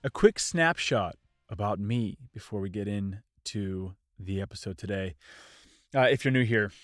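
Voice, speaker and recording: Speaking at a measured pace in a voice on the low side, a man in his thirties hosts his own casual solo podcast, slightly congested and nasal. His delivery is loose, self-deprecating, and unscripted in one take. Faint music plays behind the clean, echo-free studio sound.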